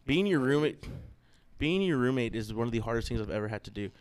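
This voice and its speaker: A young man co-hosting a comedy podcast, ranting loudly with profane, mock-serious banter. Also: mid-range voice, expressive, fast, smooth. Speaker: podcast co-host.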